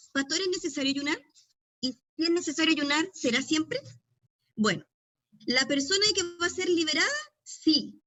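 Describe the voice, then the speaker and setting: A woman's voice: sits high, pushed and bright, dry recording. A middle-aged woman pastor with a Chilean accent, teaching a deliverance session in a conversational storytelling way with frequent tag questions.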